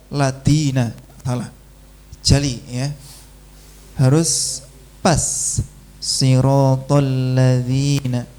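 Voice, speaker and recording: Slow-drilling male teacher. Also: mid-range voice, a little mellow. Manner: slow, drilling syllables and recitation aloud. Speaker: Quran recitation teacher. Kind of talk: mosque class lesson. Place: mosque by a busy road. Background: faint traffic hum.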